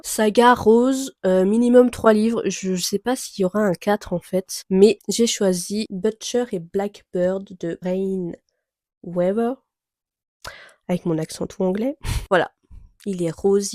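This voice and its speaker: A young woman talks casually to camera as a book vlogger, chatty and rambling, with fillers and little laughs. Her voice sits mid-pitch with a mellow, relaxed tone. The recording is dry and close. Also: no room sound.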